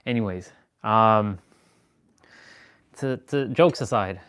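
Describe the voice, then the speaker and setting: A man's voice: on the low side, slow pace, fairly bright tone, smooth. A man hosting a live stream, talking in a rambling, self-assured spiritual monologue and restarting sentences as he goes.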